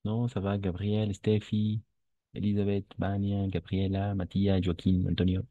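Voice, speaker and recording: A man's voice: deep voice, completely flat delivery, a little slow, warm tone, no room sound, lo-fi sound. A man teaching a French lesson to Spanish speakers, patient and repetitive, checking often that students understand.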